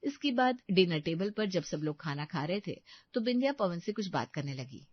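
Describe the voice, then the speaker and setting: A woman narrating a scripted cartoon story in a steady, expressive storyteller manner. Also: on the low side, moderate pace, no echo, muffled recording.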